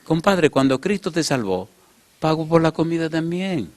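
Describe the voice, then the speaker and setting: A man's voice: fairly high pitch, moderate pace. A male pastor preaching a sermon in Spanish, telling stories with acted voices and asking the congregation questions. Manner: animated, asks the congregation questions, acts out characters in his stories. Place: church in the US.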